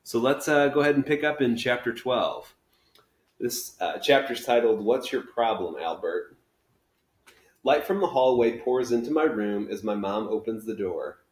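This is a thirty-something man, a teacher, giving a relaxed read-aloud of a children's book in his living room. His mid-range voice moves at a moderate pace, captured by a camera a few feet away amid roomy echo.

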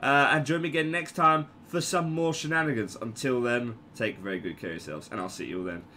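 A man's voice: medium pitch, a little fast, background noise. A man casually commenting on his own gameplay, joking and stammering through restarts.

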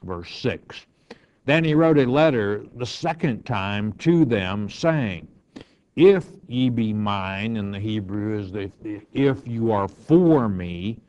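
A man's voice: fairly low pitch, lively intonation, slow pace, darkish tone, lo-fi sound. A male pastor teaching verse by verse, reading scripture aloud and then explaining it in plain words.

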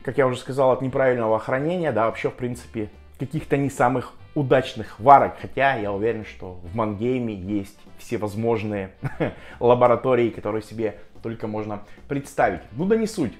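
A man giving a casual, chatty and jokey review to viewers, speaking with hesitant pauses as a vlogger. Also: mid-range voice. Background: music.

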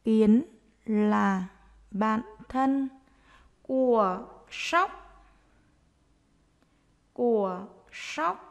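A primary school teacher leads a dictation lesson for young pupils, reading short phrases very slowly, word by word, and repeating each one. Her voice is on the high side and expressive.

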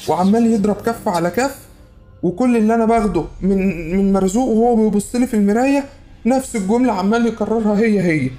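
A man's voice: high-pitched, fast talker, mellow, faint music behind. A man with an Egyptian accent telling a first-person horror story in a frantic, urgent way, repeating himself for effect. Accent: Egyptian Arabic.

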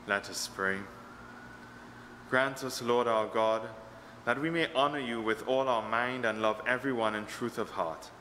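A man leading Mass as priest, reciting set prayers in a measured, solemn way, his voice ringing with cathedral echo. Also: medium pitch, pushed and bright. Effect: cathedral echo, long church reverberation. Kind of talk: liturgical recitation. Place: large church. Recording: echoey church hall with ambient noise.

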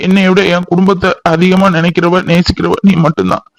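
A man's voice: high voice, flat delivery, a little fast, dry recording, low-quality recording. A man voicing a caring young husband in a cartoon, soothing and concerned. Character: caring young village husband, gently coaxing. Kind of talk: cartoon voice acting.

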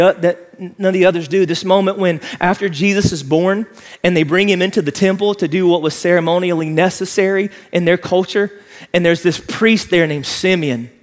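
A man, preaching an emphatic sermon as pastor in a large church auditorium. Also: high-pitched. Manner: impassioned, emphatic preaching, walking the stage.

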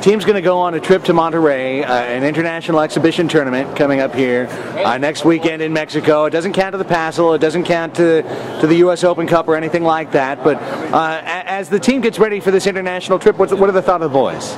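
A man's voice: a little high, fast talker. A man reporting from an arena, asking upbeat, stat-heavy postgame questions. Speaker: sports reporter. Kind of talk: postgame interviewer. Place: indoor arena. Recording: crowd noise in an arena.

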